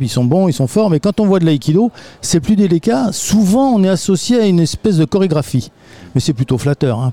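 A man's voice: a little high, dark tone. A man, an aikido teacher, patiently explaining his martial art in a radio interview recorded in a community hall.

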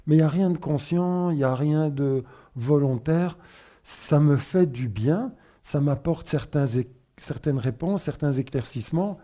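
Dark-voiced man from northern Spain. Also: fairly high pitch. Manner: reflective, halting with fillers and restarts. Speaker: guest. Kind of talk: personal testimony interview.

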